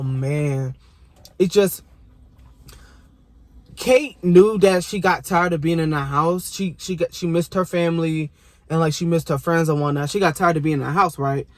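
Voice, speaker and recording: A young man with a fairly high voice rants casually about a show he watched. He is profane and animated, and he keeps talking straight to the characters as if they could hear him. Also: no room sound. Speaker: vlogger reacting to a TV show. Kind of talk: casual reaction rant.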